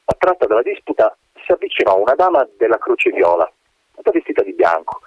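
A man reading a story aloud in an animated way, putting on voices for the characters. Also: on the low side, fairly quick, no echo. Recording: dull dry recording.

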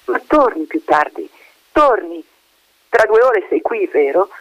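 A man's voice: sits high, expressive, measured pace, a bit bright, dry recording, voice pushed up, full character voice. A man voicing an anxious pleading mother. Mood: hopeful. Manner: pleading, insistent questions. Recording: dull lo-fi radio recording.

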